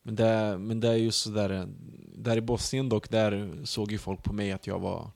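A young man with a low voice chats casually and tells anecdotes, acting out the people he quotes. The sound is close and dry, with no room around him. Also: flat delivery, gravelly, darkish tone, no room sound. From Sweden. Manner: storytelling, acts out quoted people. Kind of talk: casual chat.

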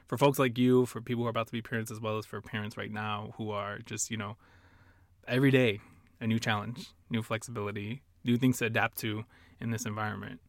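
Flat, gravelly male interviewer. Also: on the low side, quick pace, no echo, clean studio sound. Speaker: interviewer, host. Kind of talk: interview questions.

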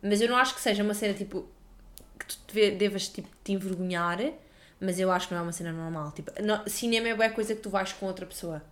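Young girl chatting on a podcast, super fast talker, mid pitch, slangy and opinionated. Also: fairly bright tone. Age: young adult. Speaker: podcast co-host. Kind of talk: casual chat.

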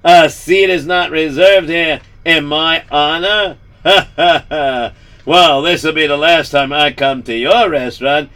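A pompous, temperamental rich tycoon, as a man puts him on, his voice pitched high and pushed loud. He drags out his indignant exclamations with a haughty, demanding manner and a bright, sharp edge. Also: unhurried, distant mic. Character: arrogant rich older man, boastful and temperamental.

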